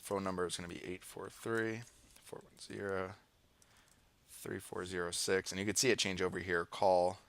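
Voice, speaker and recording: The voice is deep and creaky, with a flat delivery at normal speed. An American man presents an online marketing tutorial as a casual screen-share walkthrough, partly improvised, talking through his thinking at each step.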